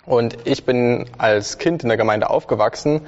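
A male host with a mid-range voice opens the show in a friendly, measured way. His voice carries a long reverb and sounds slightly dull. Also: medium pitch. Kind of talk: podcast hosting.

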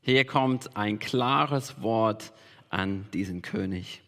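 A man's voice: lowish voice, takes it slowly, a bit bright. A man preaching a sermon as pastor, emphatic and repeating key phrases for weight. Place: church hall. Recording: long reverb of a large hall.

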